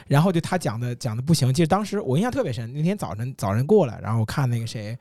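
A young man hosting a podcast, telling stories in a lively, rambling casual chat with lots of repeated words. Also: mid-range voice, rapid-fire. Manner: lively storyteller, many repeated words and laughs. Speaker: podcast host.

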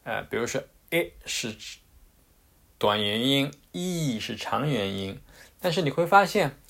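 Guy explaining english sounds real slow, lots of uh and restarts, mid-pitched voice. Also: animated, creaky, a bit bright. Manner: slow, patient, with many fillers and restarts. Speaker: English pronunciation teacher. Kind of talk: casual explanatory lesson.

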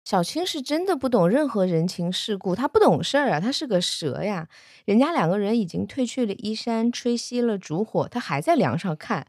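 A woman's voice: normal speed, no room sound. Dry-sounding woman telling a folk tale. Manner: lively, acts out quoted lines in shifting pitch. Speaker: storyteller. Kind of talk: casual spoken storytelling.

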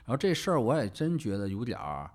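Animated male storyteller with twang. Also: medium pitch, fast. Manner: lively, colloquial, acts out quoted characters. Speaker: podcast co-host. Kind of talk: casual storytelling chat.

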